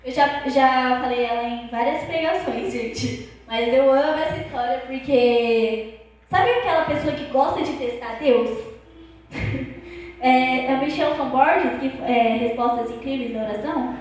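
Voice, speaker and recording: High-voiced Brazilian girl preaching, echoey. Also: measured pace. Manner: lively storytelling, addresses audience with questions. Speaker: young preacher. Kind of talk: sermon with personal testimony. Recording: very echoey room.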